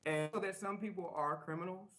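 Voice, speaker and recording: A man's voice: sits high, steady tone, brisk, fairly bright tone, low-quality recording. A man being interviewed as a guest, speaking earnestly and emphatically, repeating his phrases.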